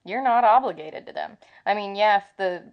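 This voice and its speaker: A young woman chats on a travel podcast into a microphone. She is giggly and animated and swears freely, with a middle-pitched voice. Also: normal speed, highs cut off. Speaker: podcast co-host. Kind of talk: casual travel podcast chat.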